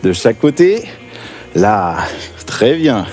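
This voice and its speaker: An energetic male fitness coach calls out punches and counts with lively swings in pitch. His tone is dark and mellow, and faint music plays behind him. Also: slow. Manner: energetic, encouraging counting and cues. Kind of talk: guided workout class.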